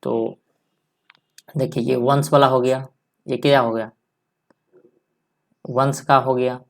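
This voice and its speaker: Man, maths teacher, board lesson, slow dictation, repeats figures, mid-pitched voice. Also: little pitch movement, creaky. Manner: dictates slowly and repeats each number as he writes it. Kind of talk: step-by-step lesson while writing on a board.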